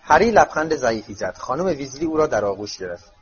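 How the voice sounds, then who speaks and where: Lively male audiobook narrator. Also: mid-range voice. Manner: expressive storytelling. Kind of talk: audiobook reading. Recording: slightly muffled audiobook with faint music.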